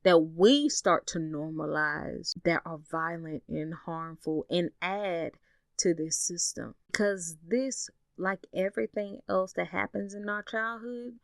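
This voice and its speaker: Low-voiced woman hosting a solo podcast. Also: steady tone, unhurried, dry recording. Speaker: podcast host.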